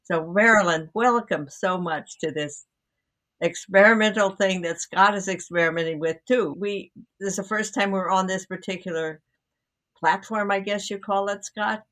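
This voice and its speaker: A woman's voice: medium pitch, moderate pace, a bit bright. Rambling older woman co-host. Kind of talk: casual conversation.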